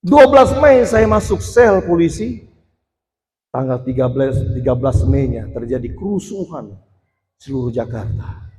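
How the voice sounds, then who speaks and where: Recorded in an echoey church hall with long reverb, a man in his forties gives a personal testimony as a sermon. His medium-pitched, darkish voice has a sing-song quality at a moderate pace, and he addresses the congregation directly, building toward emphatic passages.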